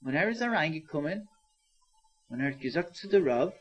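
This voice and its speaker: A man telling a story to young children, animated and singsong, with plenty of repetition. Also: fairly high pitch, a little fast, slightly rough. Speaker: storyteller and educator. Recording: dull old cassette transfer.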